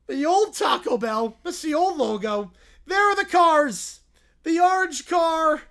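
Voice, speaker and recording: A woman giving casual livestream reaction commentary, excitable and mocking, often gleefully repeating phrases. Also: very high-pitched, unhurried. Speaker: livestream host reacting to videos.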